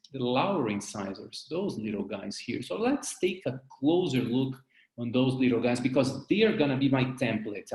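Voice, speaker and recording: A man gives an online dental lecture at a mid pitch. He talks in a halting way, repeating words and bending the grammar. The sound has the echo of a bare room. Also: darkish tone. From Brazil. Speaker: dentist presenting cases.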